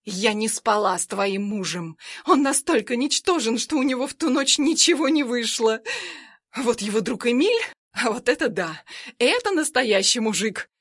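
A hoarse, shrieking young villainess, as a woman reader puts her on, reckless and furious, snarling every threat. Her voice jumps high and loud above the reader's own, and the recording is close and dry. It sounds like an audiobook scene. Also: animated, normal speed, dry recording, full character voice.

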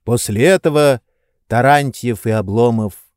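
A man narrating a classic novel as an audiobook, in measured, expressive storytelling. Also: mid-range voice, clear, resonant tone, dry recording, clean studio sound. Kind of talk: scripted literary narration.

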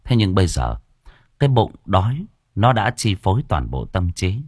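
A man narrating an audiobook story in an expressive, dramatic way. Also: low voice, normal speed, husky, no echo, studio quality.

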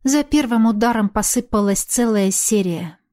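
A woman's voice: fairly high pitch, animated, normal speed, dark tone. A woman reading dramatic fiction as a scripted audiobook narrator.

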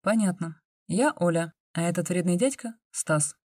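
A woman's voice: on the low side, lively intonation, moderate pace, darkish tone, no room sound, clean studio sound. A woman voicing a guarded young woman who asks wry, probing questions.

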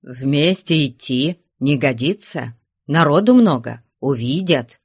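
A woman voicing a flustered, anxious man who pleads in a hushed voice. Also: deep voice, lively intonation, slow pace, husky, no room sound, clean studio sound, heavily acted. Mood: cautious.

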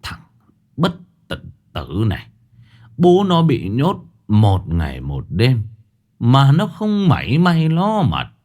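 Man doing a gruff elderly father. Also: low-pitched, big pitch swings, a little slow, pauses often, mellow, voice pushed down, heavily acted. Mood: angry. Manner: gruff, snapping. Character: stern, worn-out elderly father.

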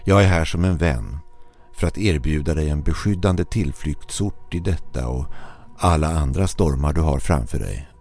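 A man voicing a sinister, falsely kind old man in a suit, speaking softly and coaxingly in a scripted horror story. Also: very deep voice, soft background music. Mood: gently ominous. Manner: soft, mild, coaxing.

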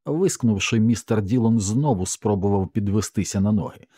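A man narrating an audiobook in a measured, somber storytelling manner on a close mic. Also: lowish voice, warm tone, slightly rough, dry recording.

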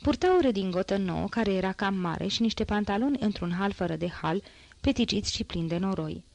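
A woman reading a classic novel aloud in an even, measured narration. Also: mid-range voice, creaky, no echo, rough recording. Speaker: audiobook reader.

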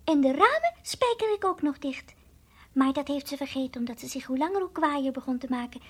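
A woman's voice: animated, brisk. A woman voicing a timid, childlike toy dog in an old radio play, earnest and confiding, sometimes whispering. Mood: hushed. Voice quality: high childlike voice, drops to whispers. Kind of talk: 1960s radio drama acting.

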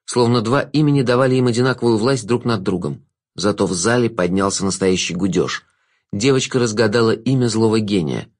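A man narrating a fantasy audiobook, with expressive storytelling. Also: on the low side, brisk.

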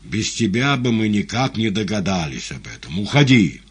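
A man's voice: on the low side, very animated, moderate pace, husky, pitched above the performer's own voice. A man voicing a cold, commanding male devil in an audiobook, speaking curtly and ironically. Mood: stern, ironic. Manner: stern, curt, ironic. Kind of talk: audiobook character reading.

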